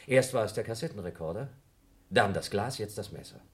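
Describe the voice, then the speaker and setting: An actor in a radio play playing a paranoid scientist who coldly accuses his crewmate and then rises to shouts. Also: fairly low pitch, lively intonation, a little fast, close to an everyday voice. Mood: cold accusing. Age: younger than Mills. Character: Blob, paranoid scientist man feuding with crewmate. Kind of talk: German radio play acting.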